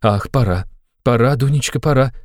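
A man reading an audiobook, voicing a flustered, tearful aging mother in a high, breathless voice. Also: warm tone, dry recording, clean studio sound, natural voice. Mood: anxious. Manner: breathless, rushed, exclamatory.

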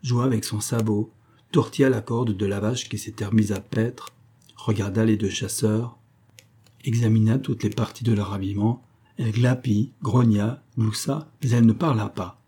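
A man reading a classic novel aloud as an audiobook narrator, in a measured, even-paced manner. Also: fairly low pitch, slightly rough.

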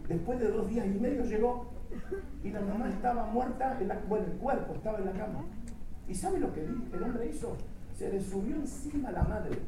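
A woman preaching a sermon, telling stories emphatically and putting questions to the congregation. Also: a little high. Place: large church hall with congregation. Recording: echoey church hall from far off with crowd and noise.

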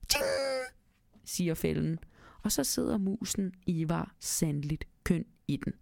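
Gravelly woman storyteller. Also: low voice, no echo. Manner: gentle, speaks to the listener directly. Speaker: storyteller and podcast host. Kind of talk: storybook reading, then casual chat.

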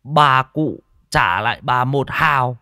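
A man's voice: medium pitch, takes it slowly, bright, forceful tone, no room sound, clean studio sound, pitched above the performer's own voice. A man voicing a cocky, food-obsessed young man in an audio story, bragging and teasing. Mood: boastful. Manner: boastful, teasing.

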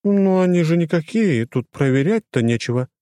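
A man's voice: fairly high pitch, lively intonation, normal speed, dark tone, no room sound, pitched above the performer's own voice, natural voice. A male audiobook reader voicing a sardonic young female spirit companion who teases and criticizes, in a storybook reading. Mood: dismissive. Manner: critical, teasing remarks. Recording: dry close studio sound.

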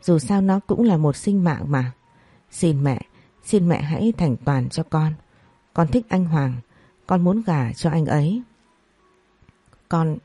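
A woman's voice: sits low, animated, takes it slowly, long pauses, dark tone, breathy edge, no echo, full character voice. A woman voicing a pregnant young daughter begging her mother to let her marry. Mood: pleading.

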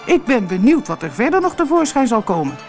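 A woman voicing a loud, gruff male innkeeper in a children's story, shouting in a raised voice. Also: on the high side, big pitch swings, moderate pace, soft background music, voice pushed up.

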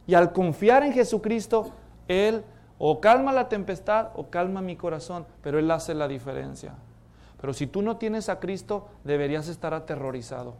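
A preacher with a high-pitched voice delivers a sermon in a dramatic storytelling manner. He acts out the voices of the people in his story and then drops to a quieter tone to stress his main points. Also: normal speed.

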